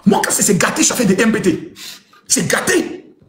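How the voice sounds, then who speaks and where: A man, hosting a mocking live-stream monologue, often shouting and acting out other voices. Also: sits high, lively intonation, normal speed, echoey room, a little hiss or hum.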